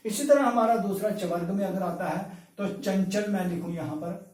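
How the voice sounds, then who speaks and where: A male lecturer giving a pronunciation lesson, drawing out sounds slowly to demonstrate them, with fillers between phrases. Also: high voice, a little mellow. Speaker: Hindi lecturer. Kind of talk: classroom-style pronunciation lesson. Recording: echoey room, voice from a distance.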